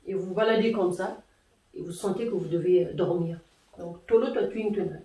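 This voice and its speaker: A woman giving a spoken language lesson, explaining slowly and patiently, with many pauses and hesitations. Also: on the low side, mellow, roomy sound, distant mic, rough recording. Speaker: language teacher.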